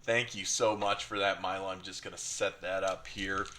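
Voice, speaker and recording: Excited man opening fan mail. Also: low voice, moderate pace. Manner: enthusiastic, nostalgic, many fillers. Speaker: card collecting channel host. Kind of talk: casual unboxing chat.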